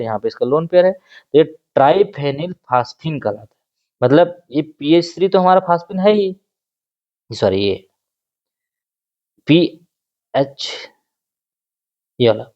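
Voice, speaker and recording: A man's voice: on the high side, lo-fi sound. A man teaching a chemistry exam-prep lecture, repeating key terms and asking the class questions that he answers himself, mixing in English phrases. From India.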